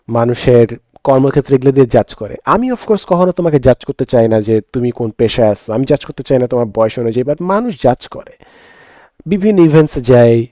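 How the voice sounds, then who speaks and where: An earnest young man from Bangladesh, a teacher, talks through his thoughts in a reflective monologue. He moves freely between Bengali and English within sentences. His voice is mellow and relaxed, and it is recorded dry and close, with no room echo. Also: medium pitch.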